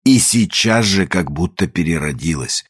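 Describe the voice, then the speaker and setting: A man reading the lines of a tormented, obsessed lover in a novel, with a husky, low voice. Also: expressive, moderate pace. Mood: bitter, feverish.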